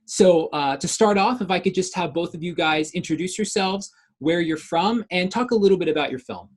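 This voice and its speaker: Young student host, upbeat and casual, slightly raised pitch. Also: male voice, fairly quick. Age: young adult. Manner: upbeat, repeats fillers like "awesome" and "alrighty". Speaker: interviewer, film student. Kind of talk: festival Q&A hosting.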